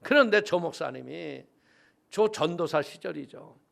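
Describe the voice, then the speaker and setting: A man's voice: on the high side, expressive, unhurried, creaky, fairly bright tone. A male pastor preaching a sermon, telling a story with lots of animation and acting out the voices of the people in it.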